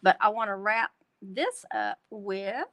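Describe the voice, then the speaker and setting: A card-making host from North Texas runs a chatty live craft tutorial, calling her audience y'all in a Texan Southern twang. She speaks slowly and expressively at a medium pitch, with a fairly bright tone.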